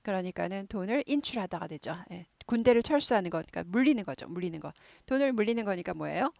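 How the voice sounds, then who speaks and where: A woman's voice: mid-range voice, expressive, fast talker, creaky, darkish tone, dry recording. A woman teaching English phrases in a casual, chatty way. She keeps affirming herself with short fillers and repeats words to drill pronunciation. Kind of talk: casual explanatory lesson.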